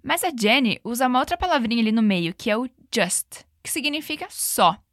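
Higher-pitched woman, slow drilled English. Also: sing-song, no room sound, studio quality. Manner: slow, drawn-out English model phrases; encouraging, repeats drills. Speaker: English teacher. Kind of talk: language lesson.

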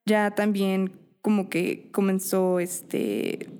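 A woman's voice: mid-range voice, flat delivery, slow pace, darkish tone, a little hiss or hum. A young adult woman with a Mexican accent, speaking candidly in a casual chat, slangy and swearing freely. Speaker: guest.

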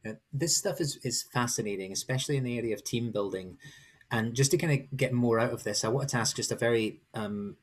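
A man with a mid-range, brisk voice hosts a podcast interview. He asks long, winding questions in a conversational way.

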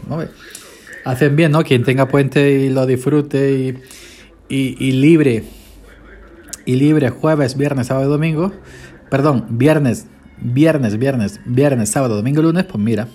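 Chatty farmhand podcaster. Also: male voice, medium pitch, a little mellow. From Spain. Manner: chatty, eats while talking. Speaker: podcast host, farm day laborer. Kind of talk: casual rambling podcast monologue.

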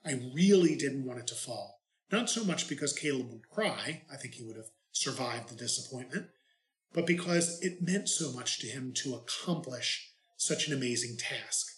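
Male priest for readings and homily; deliberate, measured delivery, recorded with strong room echo. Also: medium pitch, expressive. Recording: echoey, reverberant room.

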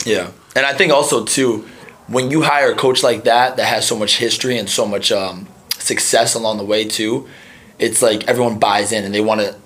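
A young man hosting a podcast, talking casually with lots of fillers and quick agreeing interjections. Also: on the low side, fairly even intonation, fairly bright tone. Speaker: podcast host. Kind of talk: casual chat.

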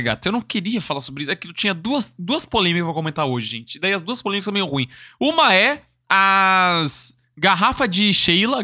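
A man hosting a casual solo podcast from Brazil, chatting in an animated way, laughing often and swearing freely. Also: on the high side, no echo, clean studio sound. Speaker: podcast host.

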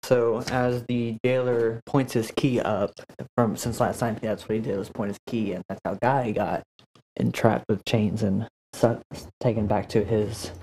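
A man's voice: on the low side, steady tone, unhurried, dark tone, slight background noise, low-quality recording. A young man narrating as game master, loose and joking, with a lot of fillers.

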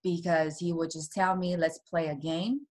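A woman from Taiwan talks as an interview guest, telling her own story. Her voice sits a little low and she speaks softly. Nervous laughs break into her telling. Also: fairly even intonation, moderate pace. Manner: soft-spoken, laughs nervously between painful memories.

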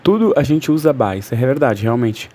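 A man's voice: mid-range voice, brisk. Porto Alegre man explaining casually. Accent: Porto Alegre Brazilian Portuguese. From southern Brazil. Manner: relaxed, explains with acted examples. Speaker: listener sending a voice message.

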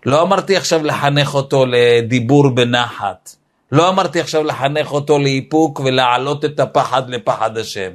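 A man giving a weekly Torah lesson on raising children. He teaches in an animated way and acts out family scenes as he goes. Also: medium pitch.

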